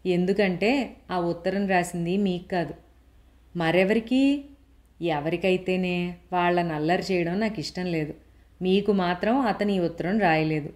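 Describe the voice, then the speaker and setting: A woman's voice: fairly low pitch, a little slow, pauses often, a little mellow, close to an everyday voice. A woman voicing a bold older housewife who scolds and mocks bluntly. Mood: scolding.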